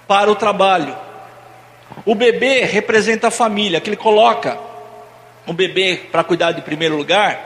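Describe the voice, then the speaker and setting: A man's voice: high-pitched, fairly bright tone, slight background noise. A man preaching to a congregation, joking and quizzing the audience. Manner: playful, asks the audience questions. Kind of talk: sermon with audience exercise. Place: church hall. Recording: church hall with reverb and audience.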